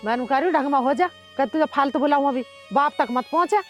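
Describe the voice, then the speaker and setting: An older woman with a Haryanvi accent playing a sharp-tongued, proud village mother who scolds and dismisses others. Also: high voice, quick pace, faint music behind. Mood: defensive. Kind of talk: Haryanvi film acting.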